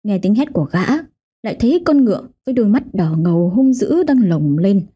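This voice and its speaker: A woman's voice: mid-range voice, very animated, fairly quick, mellow, breathy edge. A woman host giving scripted, dramatic narration of a ghost story. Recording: dull lo-fi audio with faint music.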